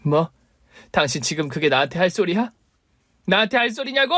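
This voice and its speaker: A man doing a shrill, defiant young woman. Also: measured pace, no room sound, studio quality. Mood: angry. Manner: pleading, rising to shrill anger. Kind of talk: radio story reading.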